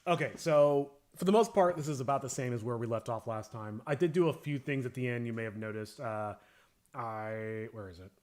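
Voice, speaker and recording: A man's voice: medium pitch, a little fast, darkish tone. Male streamer, casual rambling host, mid-range voice, jokey asides. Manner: rambling, joking, lots of fillers. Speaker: animator streamer. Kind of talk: casual livestream chat.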